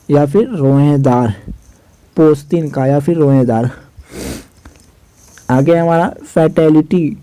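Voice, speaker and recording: This vocabulary lesson features a young man explaining English word meanings, spelling out each word letter by letter and repeating the definitions while addressing viewers as "guys." He has a warm, fairly high voice, and the dry recording is poor in quality.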